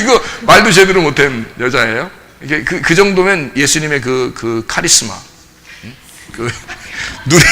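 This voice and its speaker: A male pastor teaching a casual Bible study, asking his group questions and acting out scenes from the text. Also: a little high. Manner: animated, acts out scenes, asks the group questions. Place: church.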